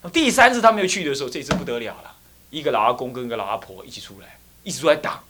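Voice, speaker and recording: A man's voice: mid-range voice, lively intonation, racing, noisy background. A Taiwanese man, a Buddhist temple abbot, tells a story during a dharma lecture in Taiwanese Mandarin. He laughs often, acts out the characters and makes sound effects as he goes.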